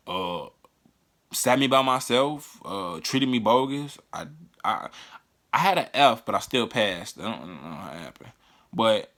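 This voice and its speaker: A man's voice: medium pitch, a bit bright. A man casually telling a personal story on a vlog, swearing often and stumbling over restarts. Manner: profane, halting, with frequent restarts. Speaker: vlogger.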